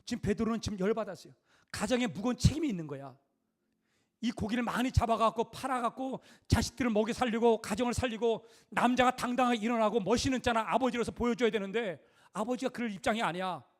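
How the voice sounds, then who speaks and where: A man's voice: very high-pitched, fast. A middle-aged male pastor preaching a sermon in a conversational, emphatic way, full of rhetorical questions.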